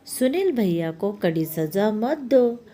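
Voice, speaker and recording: A woman's voice: mid-range voice, big pitch swings, takes it slowly, warm tone, pitched above the performer's own voice. A woman voicing a small pleading boy.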